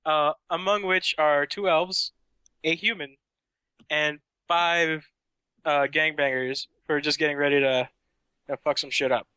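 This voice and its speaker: A young man running a tabletop game, his voice bright, crisp and a little high. He narrates casually with fillers and laughs, and the recording is dry. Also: steady tone, measured pace, no room sound. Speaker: game master.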